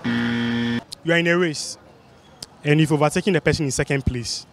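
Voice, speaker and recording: A man's voice: on the high side, normal speed. A young man with a West African, Ghanaian accent, putting quiz questions to people as a street interviewer. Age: young adult. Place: busy outdoor spot under a city flyover. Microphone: handheld microphone.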